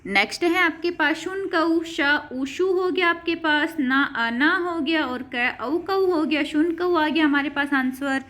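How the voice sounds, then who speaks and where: A young woman teaches a class of children in a patient, repetitive way, saying each word slowly and calling the students "beta". Her voice sits high and carries clearly. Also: a bit bright. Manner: patient, repeats words and calls students beta. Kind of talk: Sanskrit lesson for children.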